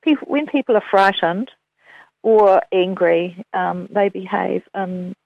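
A woman's voice: mid-range voice, measured pace, gravelly, dry recording. A woman novelist, hesitant and full of fillers, talking about her book in an interview. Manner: hesitant, many fillers and restarts. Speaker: novelist guest. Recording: dull, lo-fi sound.

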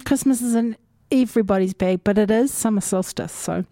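A woman with a New Zealand accent hosts a community radio music show, speaking in a mid-range, dark-toned voice at a moderate pace. Between songs she offers casual, unscripted, musing remarks, captured dry and studio-clean on a close microphone.

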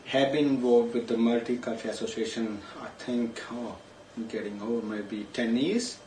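A man's voice: medium pitch, steady tone, normal speed, a little mellow. A man with a Punjabi accent introducing himself, hesitant and full of uhs. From Punjab, India. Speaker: association member. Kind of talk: casual self-introduction. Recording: echoey room, distant mic, noisy.

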